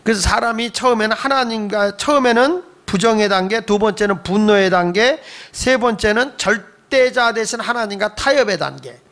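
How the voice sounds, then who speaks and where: At a Friday night sermon in a church sanctuary, a middle-aged pastor with a high, gravelly-edged voice preaches from the pulpit at normal speed, hardly pausing. He's humorous and playful, calling for amens and acting out quoted voices in his stories with sudden leaps in pitch and loudness.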